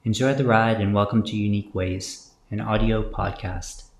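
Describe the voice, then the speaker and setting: Male announcer for a scripted show intro, formal and measured, with a husky fry, recorded in a roomy space. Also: lowish voice, fairly even intonation. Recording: roomy echo.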